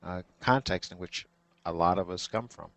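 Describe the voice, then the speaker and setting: Thoughtful low-voiced male guest. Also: normal speed, fairly bright tone, no echo. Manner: thoughtful, hesitant, many fillers. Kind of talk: casual radio talk.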